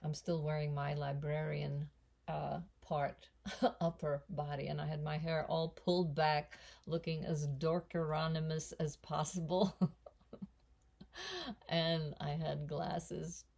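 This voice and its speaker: A woman in her sixties runs a casual home cooking vlog from her kitchen. Her voice is low, mellow and gravelly, and she talks slowly. She is chatty and self-mocking and laughs often. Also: flat delivery. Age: 60s. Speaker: cooking vlogger and actress.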